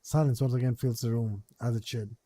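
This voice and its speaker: A man's voice: mid-range voice, steady tone, a little fast, dark tone. A man casually reading game text aloud, often stumbling over words and restarting them.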